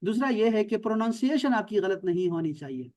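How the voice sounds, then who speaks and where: A man's voice: sits high, lively intonation, darkish tone. A man from Pakistan teaching Arabic in an online class, explaining patiently, repeating words and checking that his students follow.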